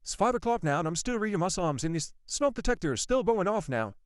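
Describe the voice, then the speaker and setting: Animated man telling a spooky story. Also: sits high, fast talker, clean tone, no room sound, studio quality. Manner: animated, repeats himself, swears, addresses viewers directly. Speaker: vlogger. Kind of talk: casual storytelling to camera.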